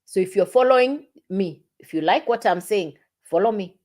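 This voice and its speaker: A woman's voice: medium pitch, lively intonation, normal speed, darkish tone. A woman selling an online business on a livestream, talking straight to viewers and repeating herself to coax them. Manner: repetitive, coaxing, addresses viewers directly. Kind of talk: casual livestream pitch.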